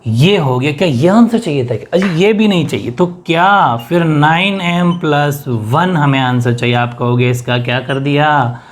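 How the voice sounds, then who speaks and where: A man's voice: fairly high pitch, unhurried, hardly any pauses, a little hiss or hum. A man teaching a maths lesson, mixing English terms into his speech and asking and answering his own questions.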